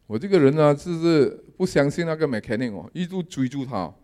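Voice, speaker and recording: A man giving a sermon testimony, telling his dreams in a lively storytelling manner with English words mixed in. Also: fairly high pitch, a little fast. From Malaysia. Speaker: lay preacher.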